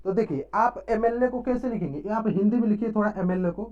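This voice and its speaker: A man's voice: sits high, fast talker. A man teaching an English grammar lesson, asking questions and answering them himself with frequent short check-ins. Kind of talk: classroom-style grammar lesson. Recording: dull lo-fi recording.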